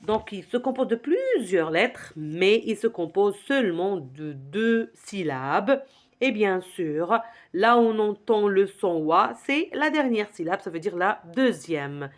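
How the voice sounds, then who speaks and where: This is a woman leading a phonics lesson for young children. She talks at a very slow pace, with a lively pitch that swoops up and down. She repeats each word and syllable so the children can echo it back. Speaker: teacher.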